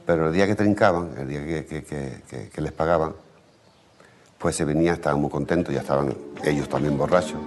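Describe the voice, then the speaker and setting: A flamenco guitarist with an Andalusian accent, telling his childhood memories in an unhurried, reflective way. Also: extremely low pitch, a little mellow. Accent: Andalusian Spanish. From Andalusia, Spain. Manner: unhurried, acts out family quotes in raised voices. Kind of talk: reflective storytelling interview. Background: flamenco guitar music.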